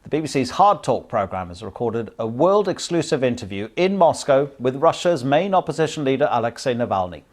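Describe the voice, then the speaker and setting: A man's voice: mid-range voice, sing-song, brisk, few pauses. A man presenting television news, introducing and closing a report as the programme's presenter.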